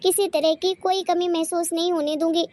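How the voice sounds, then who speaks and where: Woman voicing gentle cartoon grandmother. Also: extremely high pitch, steady tone, moderate pace. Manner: gentle, caring. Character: kindly grandmother, caring and devout. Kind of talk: cartoon voice acting.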